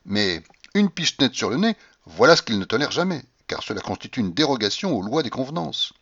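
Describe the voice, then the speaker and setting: A man's voice: mid-range voice, big pitch swings, fairly quick, fairly bright tone, husky, no room sound, dull audio. A man giving a dramatic, impassioned reading of a classic novel in the first person, with a feverish delivery. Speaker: audiobook reader.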